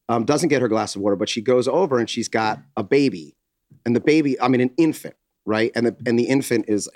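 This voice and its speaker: A man's voice: on the low side, no echo, studio quality. A man casually telling a long anecdote to his co-hosts, his voice rising as he gets into it. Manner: animated anecdote teller, voices rise with excitement. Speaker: podcast co-host. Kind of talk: casual chat, storytelling.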